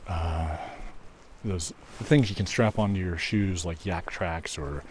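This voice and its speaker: A man walking a snowy trail outdoors and chatting casually to his viewers, relaxed and musing, with a mic on the camera. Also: low-pitched, measured pace. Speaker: walking video host. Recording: outdoor recording with stream noise.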